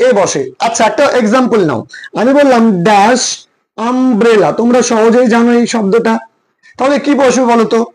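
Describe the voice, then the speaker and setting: A man with a Bengali accent teaches English grammar in a high, light voice. He drills his students by repeating each rule and quizzing them with questions. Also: brisk, darkish tone, low-quality recording. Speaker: English tutor. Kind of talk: classroom lecture.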